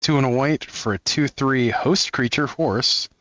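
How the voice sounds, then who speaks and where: A man hosts a card-opening video, reading each card's text aloud in a relaxed, amused way. His voice sits in a middle register. He chuckles often between lines, and the sound is dry and close. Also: medium pitch, measured pace, no room sound, muffled recording. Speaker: card-opening channel host.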